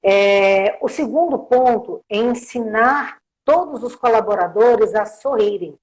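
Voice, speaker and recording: A woman's voice: on the high side, a little slow, darkish tone, low-quality recording. A woman, a guest on a live-streamed interview, explaining her points with everyday examples and frequent filler tags. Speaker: guest communication professional.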